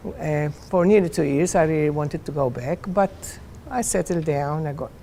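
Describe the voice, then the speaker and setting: An elderly woman with a Maltese accent chats about her life in a casual, personal way. Her voice is lowish and mellow with a gravelly creak, over a faint low rumble. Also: normal speed. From Malta. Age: 80s. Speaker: club member.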